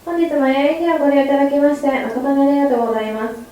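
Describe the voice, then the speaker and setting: A woman giving a formal, polite airport public-address announcement as a gate agent, speaking English. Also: sits high. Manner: rapid, polite and formal, with small slips corrected on the fly. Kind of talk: formal bilingual boarding announcement. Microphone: public-address microphone. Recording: echoey terminal over a loudspeaker with faint ambience.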